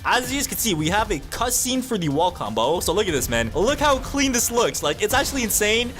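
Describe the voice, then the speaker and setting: A fast-talking man gives hyped gameplay commentary, dropping slang as he goes. His pitch jumps up and down with energy, and faint music plays underneath. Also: big pitch swings, a bit bright. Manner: fast, hyped, sprinkled with "bro". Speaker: gaming video creator.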